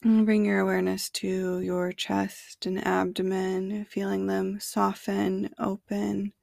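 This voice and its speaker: A woman guides listeners toward sleep in a hushed, soothing bedtime narration. Her delivery is even and drawn out at a very slow pace, sometimes close to a whisper. The sound is dry and close, with little room around it. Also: mid-range voice, gravelly, dry recording. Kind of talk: sleep meditation narration, slow body scan.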